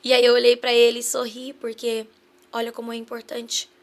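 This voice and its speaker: Speaking fairly quickly in a monotone, a slightly high-voiced woman with a Brazilian Portuguese accent gives an earnest personal testimony during a casual podcast interview. She acts out remembered conversations as she goes.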